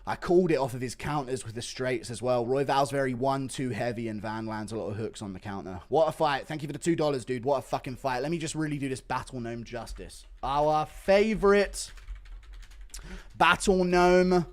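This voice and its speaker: A man livestreaming live fight commentary and casual reactions, excitable and sweary, swinging between calm talk and shouting. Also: mid-range voice, fast, hardly any pauses.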